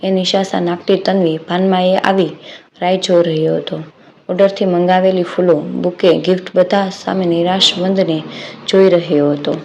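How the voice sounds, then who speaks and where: A woman tells a story in a low, even voice that barely rises or falls. Her narration is steady and measured. The recording is a little dull, with a faint hiss behind it. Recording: slightly dull lo-fi audio with faint background noise.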